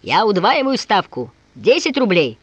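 A woman voicing a dismissive, commanding landowner gentleman in an audiobook, speaking loudly. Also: sits low, fast, no echo. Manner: loud, dismissive.

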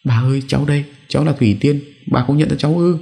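A man voicing a gentle, worried young woman who speaks softly and pleadingly. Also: medium pitch, a little fast, vocal fry, voice pushed up, lightly acted. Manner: soft, pleading.

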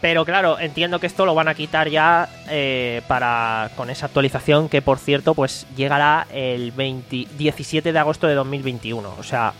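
A man co-hosting a podcast, telling the news in a relaxed, drawn-out way. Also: mid-range voice, faint music behind. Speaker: podcast co-host. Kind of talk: casual podcast chat, reading news.

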